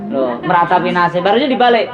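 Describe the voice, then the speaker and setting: A man's voice: high-pitched, big pitch swings, fast talker. A man preaching a sermon to a women's study group, stressing points with rhetorical questions to his listeners. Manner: emphatic, rhetorical questions to the audience. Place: mosque study gathering. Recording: dull lo-fi recording with crowd.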